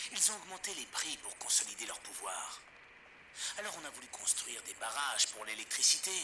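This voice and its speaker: A self-righteous male survivalist played by a male actor broadcasts a resentful pirate-radio monologue in a video game. His voice sits at a middling pitch, preaching over clearly noisy ambience. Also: natural voice. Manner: preachy, grievance-laden broadcasting.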